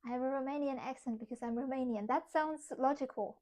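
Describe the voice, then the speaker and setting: A young woman streamer with a slightly high voice and a German accent tinged with British English chats loosely during a casual craft livestream. She talks briskly in a darkish tone, reads chat aloud as she works, mutters to herself, and giggles a lot.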